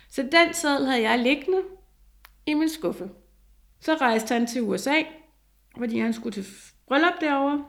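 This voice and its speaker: A young woman telling a personal story in a halting way, with many fillers and restarts. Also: on the high side, gravelly.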